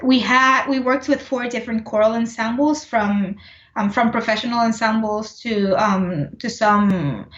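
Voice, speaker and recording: A woman's voice: fairly high pitch, a little slow, fairly bright tone, highs cut off. Woman from Puerto Rico in an echoey room. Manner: thoughtful, many restarts and fillers. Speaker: composer, interview guest. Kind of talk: casual interview conversation.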